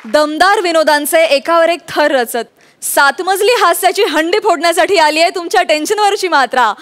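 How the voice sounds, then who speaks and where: High-voiced woman announcing a show. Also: moderate pace, fairly bright tone, a faint crowd. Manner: formal, rhythmic announcing. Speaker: show host. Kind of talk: scripted show introduction.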